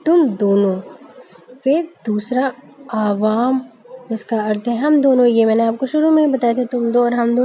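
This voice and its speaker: Woman teacher, patient, syllable-by-syllable, fairly high voice, faint noise. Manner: patient, sounds out words syllable by syllable. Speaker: school teacher. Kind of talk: recorded online class. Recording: dull lo-fi audio with faint noise.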